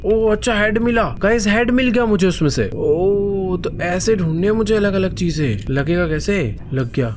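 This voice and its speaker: A young man with a Hindi accent doing excitable let's play commentary of a horror game, talking to viewers with jumpy startled cries. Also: sits high, a little hiss or hum. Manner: excitable, talks to viewers, jumpy frightened exclamations. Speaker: gaming YouTuber.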